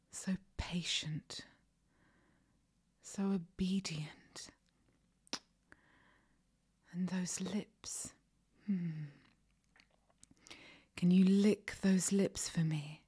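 A woman whispers in a slow, commanding ASMR roleplay, full of soft endearments. Her voice sits low and mellow, drawn out at a very unhurried pace. The whisper is airy and breathy throughout. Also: fairly even intonation.

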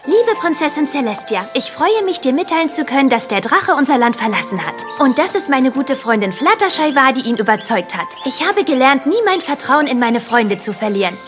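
A sincere young student pony from a cartoon, speaks precisely in a high, melodic voice over clear music. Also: female voice, very animated, fairly quick, few pauses. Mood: sincere, formal. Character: earnest, studious young female pony. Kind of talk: children's cartoon audio play. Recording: music underneath.

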